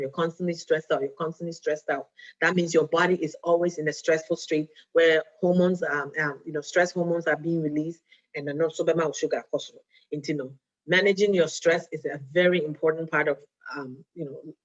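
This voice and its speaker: A woman's voice: low voice, steady tone, brisk. Woman as a diabetes educator, chatty and easygoing, dull lo-fi recording. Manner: conversational, often checks in with "right?"; mixes Twi phrases into English. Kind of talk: casual health talk.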